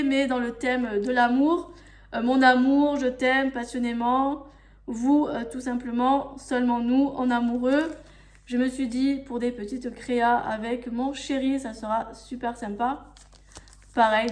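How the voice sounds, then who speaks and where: A woman talks through her craft haul in a casual vlog. Her voice sits a little high and she speaks slowly, gushing over every item and filling pauses with hesitations. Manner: enthusiastic, gushing, many fillers.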